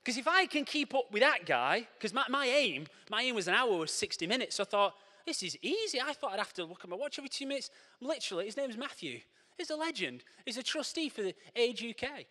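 Man, jokey church talk, high voice, long reverb. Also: fast. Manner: animated, jokey, coaching shouts. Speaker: church speaker. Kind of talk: lively sermon with props and audience. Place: church hall.

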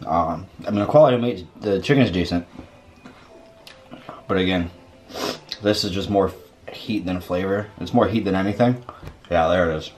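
A man's voice: deep voice, normal speed, long pauses, a little mellow. A young man hosting a casual food vlog from his home kitchen, laid-back and rambling as he tastes and rates. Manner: laid-back, rambling, tasting between remarks. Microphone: camera mic, webcam framing.

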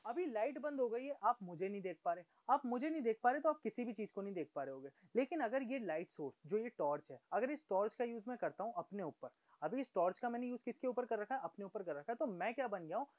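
A man with a fairly high voice teaches a science lesson in a room he lights and darkens for his demonstration. He keeps asking the viewer questions and answers each one himself. He sounds lively and coaxing. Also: quick pace, few pauses.

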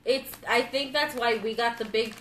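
Young woman host, blunt and swearing, fairly high voice, recorded off-mic in an echoey room. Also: normal speed, a bit bright, distant mic. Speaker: host reviewing candy. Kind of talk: casual live-stream chat. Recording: echoey room, a bit off-mic, faint noise.

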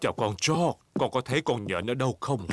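A man's voice: medium pitch, expressive, a little fast, loud music behind the voice, lightly acted. A man voicing a big, jovial but timid daddy pig in a cartoon dub, blustering and hesitant as he reassures. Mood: reassuring. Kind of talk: cartoon dubbing.

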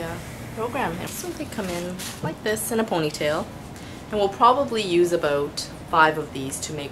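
A woman's voice: low voice, noisy background. A woman who co-owns a wig shop explains the work in a matter-of-fact interview. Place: workshop indoors.

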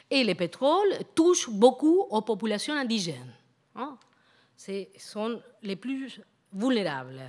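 A middle-aged native Spanish-speaking woman with a foreign, Latin American Spanish accent in French, giving a public academic lecture and often halting to search for words. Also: on the high side. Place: indoor lecture hall at a university. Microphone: handheld-type microphone on a stand.

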